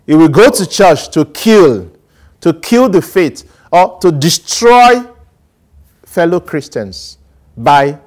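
Slow-talking priest, animated homily. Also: male voice. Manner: animated, sweeping gestures, swings between loud emphasis and low asides. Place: small studio set with plants, indoors. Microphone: lapel mic.

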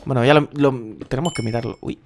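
A man's voice: mid-range voice, fast talker. Spanish guy from spain, 30s, rambling game commentary, swears a lot, bit of faint hiss behind. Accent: Castilian Spanish. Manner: excitable, swears freely, rambling. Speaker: gaming youtuber. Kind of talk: casual gameplay commentary.

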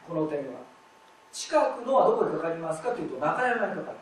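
A man giving a live lecture on expressive reading, explaining step by step and demonstrating readings aloud. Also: fairly high pitch, a little fast, a little hiss or hum. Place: lecture hall at a festival event. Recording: very echoey hall, distant mic.

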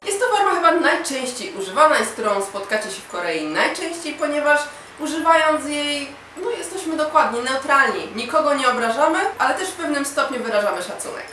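A woman's voice: sits high, animated, brisk, bright, forceful tone, slight background noise. A woman teaching a language lesson, explaining grammar rules step by step in a patient way. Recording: very echoey room, voice from far off, music behind.

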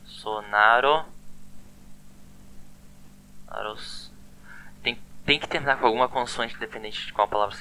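A man's voice: medium pitch, fairly quick, bright, forceful tone, a little hiss or hum. A man giving a casual online language lesson, chatty and often repeating words with a questioning "né?". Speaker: language teacher.

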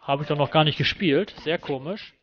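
Male let's-play host, a bit high, excitable and swears freely, faint music behind. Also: brisk, muffled recording. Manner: excitable, swears often, slangy. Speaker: gaming channel host.

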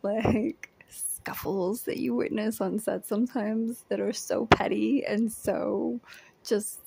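A young woman vlogger tells the story of her day as a background extra in a casual diary-style video, giggling, often half-whispering, and saying "like" and "um" a lot. Her breathy, vocal-fry voice sits at medium pitch with fairly even intonation and a slow pace. Heavy background noise fills the recording.

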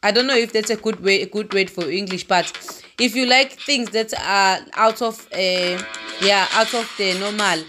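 A woman's voice: medium pitch, moderate pace, pushed and bright, faint music behind. A woman chatting casually and rambling as she vlogs with a handheld phone, walking outside and into a cave. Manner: chatty, rambling, laughs at herself. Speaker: vlogger. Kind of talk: casual travel vlog. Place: walking outdoors, then inside a cave.

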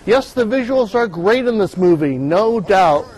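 A man's voice: sits high, expressive, unhurried, darkish tone, a little hiss or hum, poor audio. A man reviewing movies as a film critic on a TV news segment, chatty and wry. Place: TV news studio.

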